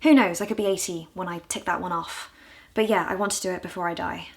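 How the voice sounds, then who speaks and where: A woman from the UK in her twenties, talking candidly and with self-deprecating humor in a casual vlog, her voice a little hoarse. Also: lowish voice, fairly even intonation, fast talker. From United Kingdom. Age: 20s. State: hoarse, low on voice. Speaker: vlogger.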